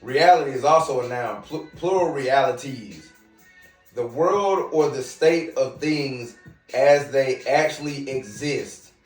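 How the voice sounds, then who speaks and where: A man's voice: medium pitch, takes it slowly, far from the mic. Brash Southern-twanged man lecturing, roomy echo. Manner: brash, lecturing, talks straight to viewers. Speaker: podcast host. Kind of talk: casual monologue. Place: indoors, hookah lounge. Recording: roomy, off-mic with music behind.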